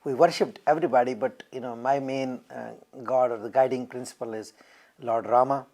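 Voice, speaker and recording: A man from New Delhi with an Indian English accent, explaining in a documentary interview with frequent pauses and fillers. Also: mid-range voice, fairly even intonation, darkish tone. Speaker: temple member.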